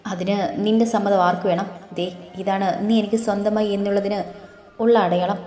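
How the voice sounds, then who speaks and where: A woman's voice: mid-range voice, fairly even intonation, normal speed, lightly acted. A woman voicing a brusque, teasing young husband who scolds and orders his wife about in a story reading. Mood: possessive. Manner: gruff, scolding, bossy. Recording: echoey room with soft music.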